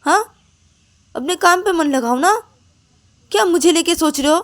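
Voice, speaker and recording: A woman voicing Payal, a lonely, anxious young woman who pleads softly and then scolds sharply. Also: medium pitch, steady tone, normal speed, lightly acted. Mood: scolding. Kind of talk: storybook narration.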